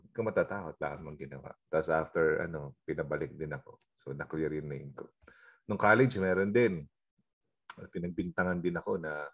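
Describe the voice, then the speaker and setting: A man with a Filipino accent sharing a personal testimony on a video call, telling his story in a lively way with Taglish fillers. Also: sits low. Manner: animated storytelling with frequent laughs and Taglish fillers.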